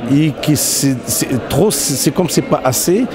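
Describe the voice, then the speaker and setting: A man's voice: on the high side, measured pace, a crowd in the background. A man from Morocco, speaking in an interview with many fillers and restarts. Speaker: interviewee, company CEO. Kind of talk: casual interview conversation. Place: outdoors in a city.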